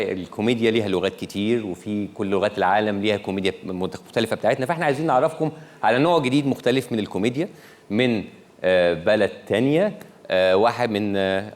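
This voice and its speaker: A man with an Egyptian Arabic accent, hosting a comedy show and joking to a studio audience in quick bursts with many restarts. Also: lowish voice. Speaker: show host introducing a guest. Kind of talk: comic monologue to a studio audience.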